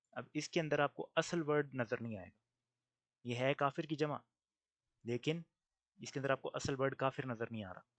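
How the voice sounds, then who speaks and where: Male grammar teacher, native Urdu speaker, mid-pitched, patient, drills word pairs slowly. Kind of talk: recorded online lesson.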